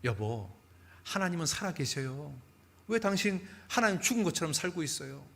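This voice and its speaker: A man's voice: fairly high pitch, very animated, moderate pace, vocal fry, a bit bright, breathy edge, voice pushed up, full character voice. A man voicing a wife in mourning clothes who earnestly admonishes her husband. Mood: reproachful. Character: wife, grieving in mourning, gently reproachful.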